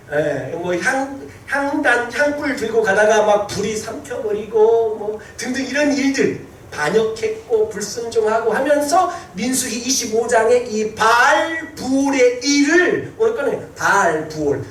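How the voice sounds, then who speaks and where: A man preaching a sermon as pastor, in a conversational style with frequent filler sounds and restarts, his pitch climbing sharply when he stresses a point. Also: a little hiss or hum. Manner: pitch rises sharply for emphasis. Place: church sanctuary. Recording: roomy church sound from a distant mic.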